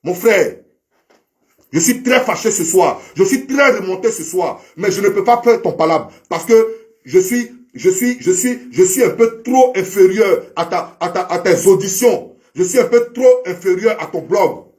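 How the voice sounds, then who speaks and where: Preachy high-voiced man. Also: expressive, measured pace, a little mellow. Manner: preachy, repetitive, proverb-laden, addresses listener as brother. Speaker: social media commentator. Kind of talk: impassioned monologue to camera.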